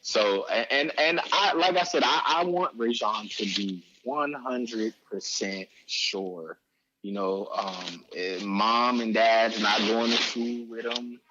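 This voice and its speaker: A man's voice: medium pitch, slow pace, sharp tone, lo-fi sound, slight background noise. A middle-aged man chatting casually in an interview, rambling and hesitant, often repeating himself. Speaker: father of a recruited athlete, interviewee.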